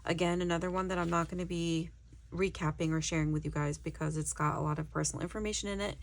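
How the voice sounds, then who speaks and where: A young woman, a little hoarse, chatting casually to viewers while working on a trip planner. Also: on the low side, steady tone, fast. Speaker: vlogger.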